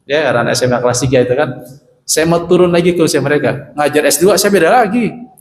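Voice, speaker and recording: A man's voice: a little high, lively intonation, quick pace. A middle-aged man giving a casual, joking sermon in a mosque, talking directly to his listeners. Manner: chatty, joking, talks to the audience. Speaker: preacher. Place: mosque hall. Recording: echoey mosque hall, long reverb, faint noise.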